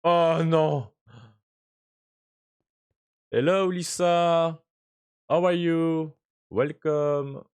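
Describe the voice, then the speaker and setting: A man with a French accent chatting casually on a game stream, playfully mixing in English. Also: medium pitch. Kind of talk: casual gaming stream chat.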